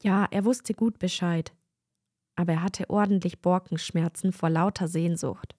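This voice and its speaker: Calm woman reading a fairy tale. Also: lowish voice, breathy edge, dry recording, clean studio sound. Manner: calm, measured storytelling. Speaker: reader.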